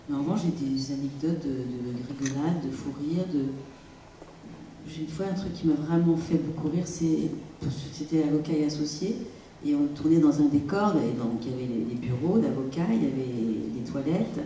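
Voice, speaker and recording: Low-voiced woman far off in an echoey hall. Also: normal speed, warm tone, a little hiss or hum. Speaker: actress guest. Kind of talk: festival panel talk. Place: large hall.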